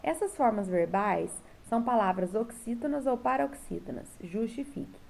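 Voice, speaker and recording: A woman's fairly high, creaky voice with a darkish tone and lively intonation guides pupils through a homework correction at a moderate pace, recorded at her home. This teacher has a Brazilian Portuguese accent, stays patient, and keeps confirming they follow with a tag question.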